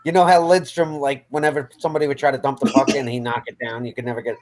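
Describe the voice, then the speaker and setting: A man's voice: medium pitch, level tone, fast talker, a crowd in the background. A man co-hosting a hockey podcast, casually running through draft prospects with small hesitations. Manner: easygoing, listing prospects with hesitations. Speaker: podcast co-host.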